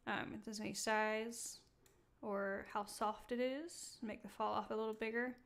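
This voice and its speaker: A woman hosting a live-streamed software tutorial, talking casually with many fillers and laughing at her own slips. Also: medium pitch, flat delivery, a little slow. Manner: casual, chatty, many ums, laughs at herself. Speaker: software demo host. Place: indoor room.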